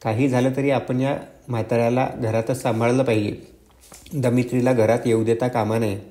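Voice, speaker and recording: Cool mocking brother, dry talk, man reads him mid pitch. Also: little pitch movement, fairly quick, mellow, reverberant, close to an everyday voice. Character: cool ironic older brother, young man.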